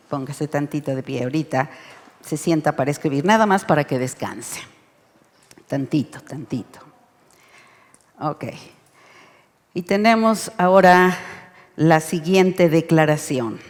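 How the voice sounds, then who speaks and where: A woman with a Mexican accent and a low-pitched voice leads an interactive Bible study, speaking expressively and urging the group to read along. The sound is reverberant, like a hall.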